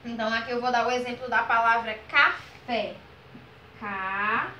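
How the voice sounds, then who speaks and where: Bright-voiced woman teaching a lesson. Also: fairly high pitch, flat delivery, roomy sound, a little hiss or hum, poor audio. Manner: patient, drawn-out model words, frequent "ok?" and "certo?" checks. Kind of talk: classroom grammar lesson.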